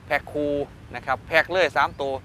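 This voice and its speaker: Fast, bright Isan man hyping a livestock sale. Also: a little high, slight background noise. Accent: northeastern Thai (Isan). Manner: repeatedly addresses viewers and prompts for agreement. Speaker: host of cattle-sale videos. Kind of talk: fast, hyped live-seller pitch to viewers.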